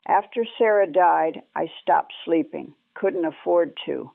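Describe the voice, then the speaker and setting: A woman whose voice sits low and creaky speaks of her past as a war nurse in her own words, grave and measured, using short clauses. The recording is dry with no room sound, lo-fi and tinny in the manner of old archival radio.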